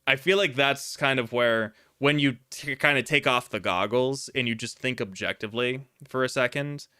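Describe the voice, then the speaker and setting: A man's voice: mid-range voice, normal speed, pushed and bright, clear, resonant tone, no room sound, studio quality. A man giving casual, rambling gameplay commentary as a streamer, answering chat questions with lots of fillers and swearing. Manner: rambling, chatty, many fillers and profanity. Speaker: gaming streamer.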